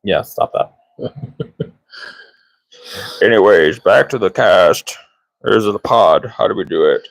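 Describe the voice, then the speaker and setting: A man's voice: on the low side, lively intonation, slow pace, vocal fry, long pauses, dry recording, poor audio. A man co-hosting a casual podcast chat, blunt and joking, swearing casually. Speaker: podcast co-host.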